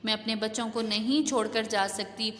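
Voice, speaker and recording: A woman's voice: a little high, fairly even intonation, a bit bright, a little hiss or hum, lightly acted. A woman teacher voicing an aggrieved, tearful middle-aged housewife who complains shrilly, read aloud in an echoey room.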